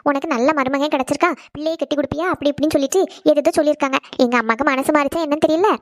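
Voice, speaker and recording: A woman's voice: sits high, racing, no echo, studio quality, voice pushed down, close to an everyday voice. Woman doing Janani, an anxious young wife. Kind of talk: cartoon voice acting.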